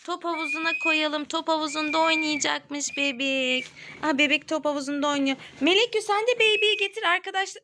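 A woman's voice: sits high, a little fast, sharp tone, a little hiss or hum. A woman, a mother, narrating doll play for children in a chatty, sing-song way and talking to the viewers. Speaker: mother hosting a kids' toy channel.

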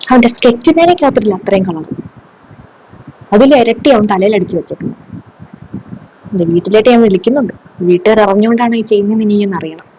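Woman playing a bossy teacher lady from kerala, lecturing the kids, soft faint hiss behind. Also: on the high side, lightly acted, rough recording. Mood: scolding. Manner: scolding, lecturing, sarcastic. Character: strict scolding female schoolteacher, middle-aged. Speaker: comedy sketch creator. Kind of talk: solo comedy sketch.

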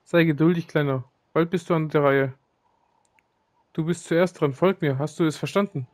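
A man's voice: fairly high pitch, steady tone, normal speed, darkish tone, no echo, natural voice. A man reading aloud the lines of a woman who looks after young saurians. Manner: reads game lines aloud, with slips.

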